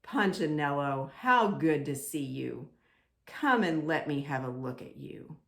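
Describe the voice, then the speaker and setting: A woman voicing a kindly, big bearded old woodcarver in a children's storybook, gentle, slow and thoughtful. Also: sits low, lively intonation, creaky, reverberant, pitched below the performer's own voice, full character voice. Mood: warm welcome. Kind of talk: children's storybook read-aloud.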